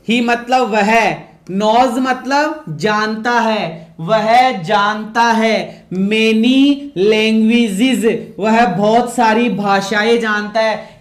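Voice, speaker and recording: A man's voice: extremely high pitch, roomy sound. A male teacher running an online English grammar class, repeating questions, praising and scolding his students.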